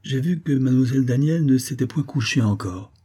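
A man's voice: mid-range voice, brisk, mellow, slightly rough, voice pushed up, lightly acted. A man voicing a cheeky, curious young apprentice printer who chatters and gossips in an audiobook reading. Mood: eager.

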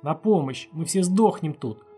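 A hysterical young man wailing and sobbing in a high, strained voice, as a male narrator puts him on. He is terrified and half-crying in this audiobook, with soft music faintly behind. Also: a little fast, slightly rough.

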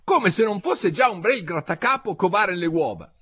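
A man doing a shrill, shrieking mother pigeon. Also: expressive, normal speed, a bit bright, slightly rough, exaggerated voice. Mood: ranting. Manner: shrieking, indignant, near-screeching. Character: fretful broody female pigeon, shrill and accusing.

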